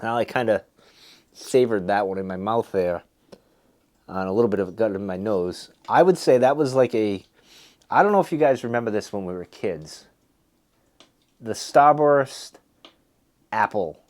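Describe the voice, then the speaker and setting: A man's voice: lowish voice, lively intonation, normal speed, a little mellow. A man giving a casual, rambling review to viewers, thinking aloud in a hesitant, musing way. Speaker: pipe tobacco reviewer hosting a video.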